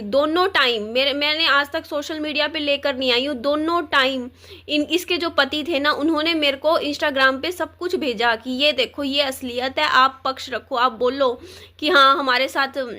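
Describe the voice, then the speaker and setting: A woman's voice: sits high, pushed and bright. A young woman vlogger talking straight to her viewers, upset and defiant, pleading and repeating herself as she complains about being insulted. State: distressed. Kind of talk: emotional direct-to-camera rant.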